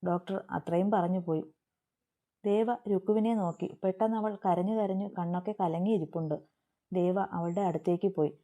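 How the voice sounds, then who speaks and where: A woman with a Malayali accent narrating a family drama story, reading all parts in one steady voice. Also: lowish voice, a little fast.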